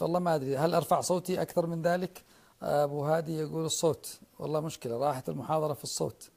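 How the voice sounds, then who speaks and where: A man's voice: a little high, gravelly, darkish tone. A man, a sheikh, giving an earnest religious lecture to an online audience, addressing listeners directly and repeating key names for emphasis.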